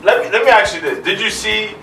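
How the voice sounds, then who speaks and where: A man's voice: high-pitched, quick pace, echoey room, far from the mic, faint music behind. Joking male talk show guest. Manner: joking, laughs while talking, animated. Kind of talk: casual debate chat.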